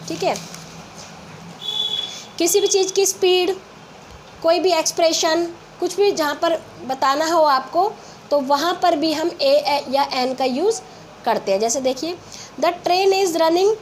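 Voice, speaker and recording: A woman teacher with an Indian English accent explains grammar to school children, patiently and step by step, reading example sentences slowly. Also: sits high, slight background noise.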